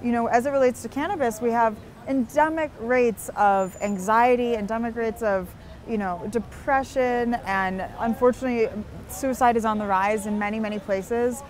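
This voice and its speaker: A woman's voice: a little high, normal speed, slight background noise. A young woman being interviewed outdoors on a busy street, talking earnestly and at length, with frequent restarts. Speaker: interview guest.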